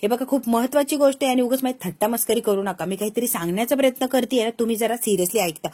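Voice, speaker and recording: A dutiful, easily flustered young wife who keeps hurrying her husband along, played by a woman narrator. The voice is high and insistent. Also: fast, mellow, natural voice. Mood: urging. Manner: urging, fussy.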